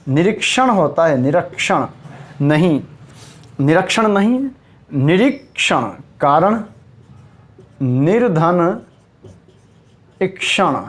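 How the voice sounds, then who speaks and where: A male teacher giving a spelling lesson to exam students, slowly repeating each word for emphasis. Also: a little high. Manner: slow, repeats words for emphasis.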